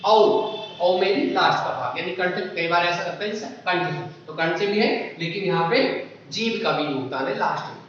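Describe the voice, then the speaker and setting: Guy teaching a class, high bright voice, keeps asking questions and checking in, very echoey and muffled from far off. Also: fairly quick, a little hiss or hum. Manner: repeats checks like "ठीक है" and rhetorical questions, draws out vowel sounds. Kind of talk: classroom lesson on Hindi phonetics. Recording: echoey room, far from the mic, dull lo-fi sound.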